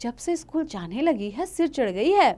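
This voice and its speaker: A woman's voice: high-pitched, sing-song, moderate pace, warm tone, voice pushed up. A woman reading the part of a stubborn, scolding village potter father who coughs. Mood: stern scolding. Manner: gruff, scolding.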